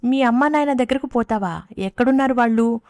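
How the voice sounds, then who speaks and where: Woman voicing a gentle old gentleman. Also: a little high, brisk, no echo, clean studio sound, natural voice. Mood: coaxing. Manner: gentle, coaxing questions. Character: kindly worried old gentleman.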